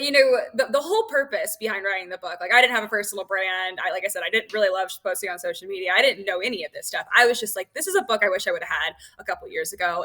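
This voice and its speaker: Speaking with a pushed, bright, mid-range voice, this thirty-something author chats on a podcast as a guest. The interview is casual, and she is candid and eager, with plenty of filler words.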